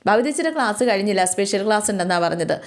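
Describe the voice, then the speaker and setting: A woman voicing an eager young schoolgirl who pleads in a high, childlike way. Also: expressive, rapid-fire, close to an everyday voice. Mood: pleading.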